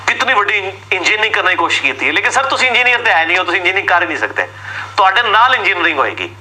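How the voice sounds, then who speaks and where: A man's voice: high voice, big pitch swings, bright, forceful tone, slight background noise, rough recording. A man giving an argumentative religious talk, asking sarcastic rhetorical questions and mimicking his opponents. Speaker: religious lecturer.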